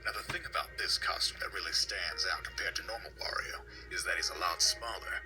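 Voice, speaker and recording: A man with a very low voice narrates in a breathy, mock-sultry whisper, keeping a deadpan tone. Loud music plays behind his voice-over. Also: brisk. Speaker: video narrator. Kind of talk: mock-seductive whispered countdown. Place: home.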